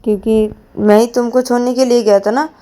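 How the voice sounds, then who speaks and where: A woman voicing a patient young partner who coaxes and pleads softly. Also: a little high, fairly even intonation, fairly quick, pitched above the performer's own voice, lightly acted. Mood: pleading. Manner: soothing, pleading, repeats "arre".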